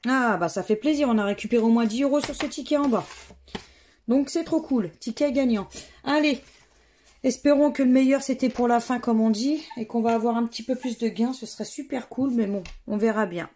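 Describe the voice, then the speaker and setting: Her voice a little high and mellow, a woman with a French accent murmurs slow, casual comments while scratching lottery tickets for her vlog, sounding out the letters one at a time.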